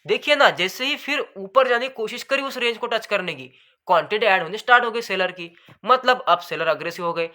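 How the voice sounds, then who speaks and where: A man explaining trading charts in a rapid, nonstop lesson, says his throat goes dry, calls viewers brother. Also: high-pitched, animated, sharp tone. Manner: fast, talks continuously without pause; addresses viewers as bhai sahab. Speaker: trading educator. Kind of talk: screen-share chart lesson.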